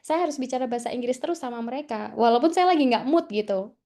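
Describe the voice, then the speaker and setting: A young woman from Indonesia talks to a class of students in a chatty storytelling way. She uses many tag fillers and slips English words into her speech. Her voice is high and soft, with a mellow tone. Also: quick pace. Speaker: guest speaker at an English class.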